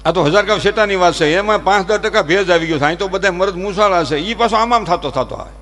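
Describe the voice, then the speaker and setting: Man, high voice, folk storyteller, animated, acts out characters, preachy emphasis. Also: fast talker. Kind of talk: humorous folk storytelling to a live audience.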